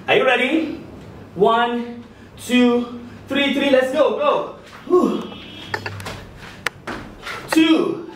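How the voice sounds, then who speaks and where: A man's voice: very high voice, takes it slowly, long pauses. A middle-aged man working out as an aerobics instructor, counting and cheering on in short, exerted, encouraging cues with puffs. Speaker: fitness instructor leading a workout. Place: indoor tiled room, on an exercise mat. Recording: echoey room, distant mic, faint noise.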